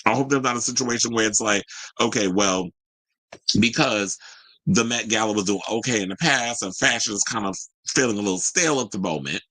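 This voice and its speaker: A talk show host with a fairly low but bright, punchy voice runs an entertainment news show, switching between reading the news and giving casual, opinionated commentary in slangy, conversational language. He talks fairly quickly, and the recording is close, dry, and poor in quality.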